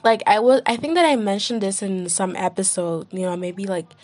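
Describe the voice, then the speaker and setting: A young woman hosting a casual solo podcast, rambling with lots of "like" and restarts, and acting out what others say in a higher voice. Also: moderate pace, darkish tone. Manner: rambling, heavy use of "like", acts out quoted friends in a higher voice. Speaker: podcast host.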